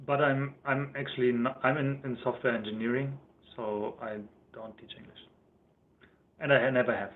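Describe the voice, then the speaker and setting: Answering viewers' questions on a livestream, a young YouTuber with a German accent rambles and corrects himself, talking casually at a normal speed in a steady, medium-pitched voice. The sound is thin and phone-like, with a little hiss or hum.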